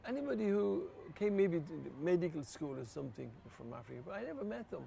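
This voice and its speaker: An older Irish priest with a deeply gravelly, fry-laden voice tells personal stories in an interview. He speaks earnestly and quietly, with a faint hiss of room noise behind him. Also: fast talker. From Ireland. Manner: earnest, quietly emotional, rises to lively laughter. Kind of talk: reflective personal storytelling in an interview.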